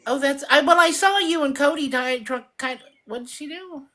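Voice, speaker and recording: Woman, high voice, teasing live-stream host, casual chat. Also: moderate pace, sharp tone. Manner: teasing, laughs often.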